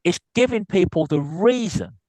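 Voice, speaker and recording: A man with a South African accent, born in South Africa, giving an upbeat business talk and answering questions quickly, with frequent restarts. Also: high-pitched, lively intonation, darkish tone, no echo, poor audio. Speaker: guest speaker. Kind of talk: business lecture and Q&A.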